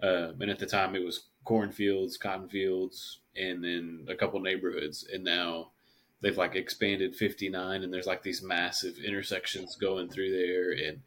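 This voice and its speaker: A man speaking calmly and without hurry in a casual chat, with a few "uh" and "um" fillers. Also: deep voice. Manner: calm, unhurried, with "uh" and "um".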